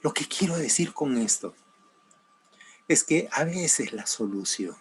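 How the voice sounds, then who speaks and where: A man preaching a sermon, telling a story slowly, his voice swinging between raised emphasis and hushed, soft passages. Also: fairly high pitch, lively intonation, a little hiss or hum. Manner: slow, dramatic swings between loud and hushed. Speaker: pastor.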